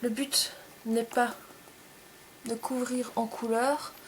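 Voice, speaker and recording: A young woman walks through her makeup routine in a gentle, explanatory way, pausing between short phrases. Her voice sits a little high. A faint hiss runs under the recording. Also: little pitch movement. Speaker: makeup tutorial presenter. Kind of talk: casual step-by-step makeup tutorial.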